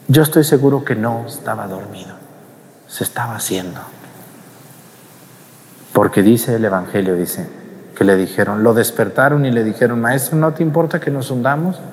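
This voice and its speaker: A priest preaches a homily in a mid-pitched male voice. He keeps it conversational, firing questions at the congregation and acting out little scenes, and a long church reverb follows every line.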